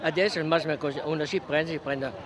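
A very old man, speaking indignantly and haltingly in a street interview. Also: a little high, fairly even intonation. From Val di Susa, Piedmont, Italy. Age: 80s, elderly. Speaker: local resident and protester being interviewed. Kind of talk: street interview, spontaneous opinion. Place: outdoors at a mountain roadside car park. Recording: outdoor recording with busy crowd and traffic.

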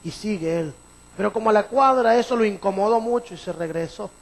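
Animated Spanish-speaking male pastor preaching. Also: high voice, brisk, gravelly, poor audio. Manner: animated storytelling, voice rising to emphatic peaks. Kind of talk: sermon.

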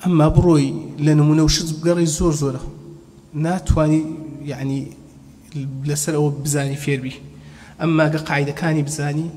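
A man teaching a grammar lesson step by step, asking questions and then answering them, and slowing down to spell out each example. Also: on the high side, flat delivery, mellow. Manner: explains step by step, asks and answers his own questions, spells out examples slowly. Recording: long reverb, faint background hum.

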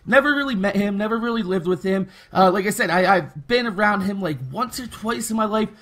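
A man's voice: high voice, brisk, fairly bright tone. A man, talking casually and candidly over gameplay, rambling and swearing freely. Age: 20s. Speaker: gaming YouTuber.

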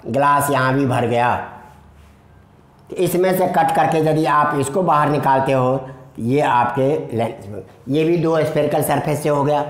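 Slow-dictating male physics teacher. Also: fairly high pitch. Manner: dictates notes slowly, repeating each word; addresses students fondly as children. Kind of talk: classroom lecture in a video lesson. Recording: echoey room.

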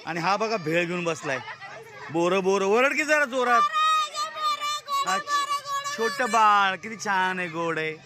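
Man, Marathi accent, cheerful vlog commentary, outdoor school fair, chattering crowd, loud background noise. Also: high voice, wildly swooping pitch, measured pace. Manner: cheerful, exclaims often, asks children their names. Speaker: reporter touring a school market. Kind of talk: casual walkaround vlog commentary.

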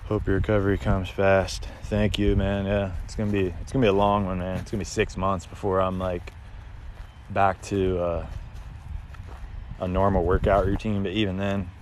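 Deep-voiced and speaking at a normal pace with little change in pitch, an American in his thirties rambles easily through a casual livestream chat. He's outside in open rural countryside with his phone held at arm's length, ambient noise audible on the recording.

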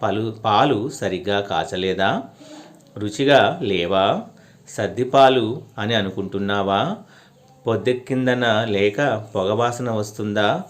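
A man's voice: on the low side, takes it slowly. A man voicing a little girl who coaxes and pleads with a deity in a devotional story. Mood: pleading. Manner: pleading, coaxing.

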